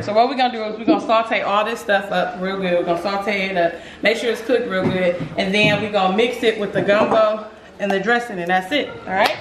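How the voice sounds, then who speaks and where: A middle-aged woman, a mother, walking through a recipe in her home kitchen with a relaxed, dry, offhand manner. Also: mid-range voice. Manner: relaxed, dry, brushing off teasing. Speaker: mother cooking on camera. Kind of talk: casual cooking demonstration. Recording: noisy kitchen with frying sizzle.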